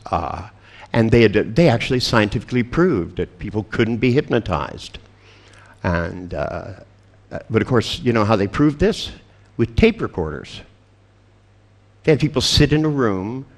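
An older man lecturing to a seminar audience in a deep, low voice. He tells stories with dry, sardonic humour and drops casual profanity into his asides. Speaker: seminar presenter. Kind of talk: storytelling lecture.

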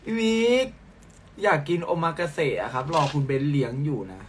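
A man's voice: mid-range voice, sing-song, a little fast, slight background noise. A young man from Thailand, a singer, chatting casually and playfully with fans at home while reading out their comments on a phone live stream. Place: at home, in sleepwear.

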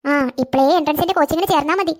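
A woman voicing a caring older girl in a cartoon who gently advises and reassures. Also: high voice, racing. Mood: advising. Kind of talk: cartoon voice acting.

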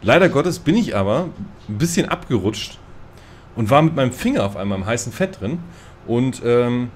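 A man tells a long story in casual voice chat and pokes fun at himself with plenty of fillers. His pitch sits mid-range. A faint hiss runs under the line. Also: very animated, moderate pace. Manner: rambling, self-mocking, laughs at himself. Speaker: gamer on a multiplayer voice chat.

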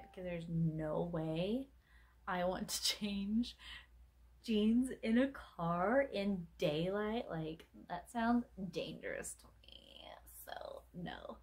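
A woman's voice: fairly low pitch, a little mellow. Young woman, casual vlog chat, rambling, lots of fillers, self-mocking. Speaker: vlogger.

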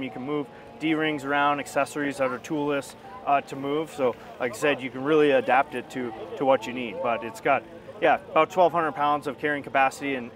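A company representative in his thirties informally explains a product during an outdoor interview at a busy expo ground. His mid-range voice is picked up on a wireless clip-on mic against a noisy background.

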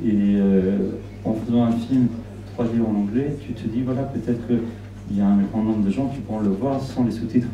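In a public Q&A held in a small shop's event room indoors, before an audience, a middle-aged Argentine director whose first language is Spanish speaks through a handheld mic, often repeating words while thinking. His voice is on the low side, steady and warm, at normal speed. Recorded by a distant camera, the audio is roomy and dull.

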